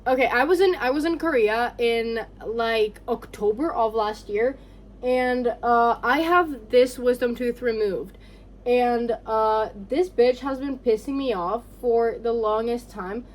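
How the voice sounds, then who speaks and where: A woman's voice: fairly high pitch, measured pace, slight background noise. A young woman chatting casually through a personal storytime, candid and sweary, rambling with lots of "like". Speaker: vlogger. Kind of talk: casual chatty storytime while getting ready.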